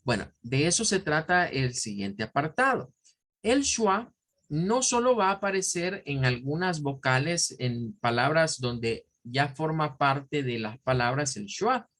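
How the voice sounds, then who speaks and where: Slow, patient male Spanish-speaking teacher. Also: on the high side, very animated, fairly bright tone. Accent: Central American Spanish. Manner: slow, explanatory, repeats words for drill; looks up words in an online dictionary as he talks. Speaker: English teacher. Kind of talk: online pronunciation lesson.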